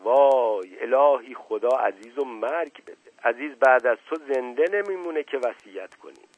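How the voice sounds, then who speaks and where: A man voicing a wailing, melodramatic middle-aged wife with shrill laments, on a storybook radio reading. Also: close to an everyday voice. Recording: tinny phone-like old radio broadcast.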